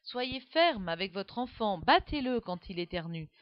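A woman's voice: very animated, a little slow. A woman voicing an ugly, aggressive old duchess who bullies and shrieks, on a dull, dry recording. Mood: bossy. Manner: shrill, bullying.

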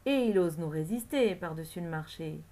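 A woman's voice: on the low side, animated, normal speed, warm tone, close to an everyday voice. A woman reading the lines of a brutal, scornful male gang leader, jeering and bullying. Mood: gloating.

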